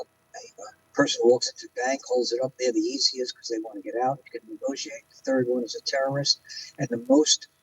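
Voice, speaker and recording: An older man calmly explaining as an expert guest in a broadcast interview, pausing hesitantly as he goes. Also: mid-range voice. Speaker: interview guest, former police hostage negotiator. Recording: clearly noisy with a hum.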